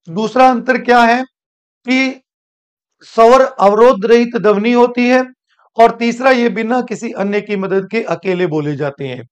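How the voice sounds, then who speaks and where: A man's voice: extremely high pitch, clear, resonant tone. A man teaching a classroom grammar lesson, explaining step by step, asking questions and answering them himself. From India. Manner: explains step by step, repeats points, asks and answers his own questions. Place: school classroom.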